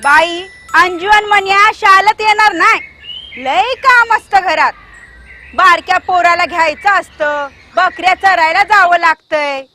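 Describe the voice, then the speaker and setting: A woman's voice: very high voice, measured pace, pushed and bright, a little hiss or hum, heavily acted. A woman playing a poor widowed village mother who scolds her children bluntly. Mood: stubborn. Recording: background film score under voice.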